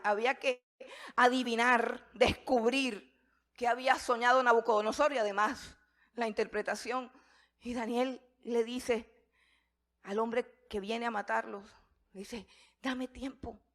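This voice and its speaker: A woman preaching a sermon to a church, telling scripture stories dramatically, dropping to a hush and rising to loud emphasis. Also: fairly high pitch. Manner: dramatic storytelling, swings between hushed and loud. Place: church hall.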